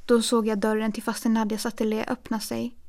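Creaky, even-voiced woman reading a story. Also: a little high. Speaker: audiobook narrator. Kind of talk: first-person storybook reading.

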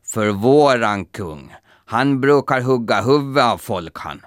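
A man's voice: mid-range voice, expressive, dry recording, clean studio sound, close to an everyday voice. A man voicing blunt, threatening palace guards in a children's folktale. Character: gruff palace guards, men.

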